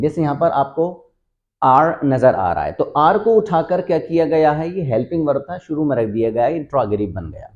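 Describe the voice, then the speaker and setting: A man teaching an English lesson, patiently explaining and repeating examples slowly. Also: a little high, darkish tone, lo-fi sound.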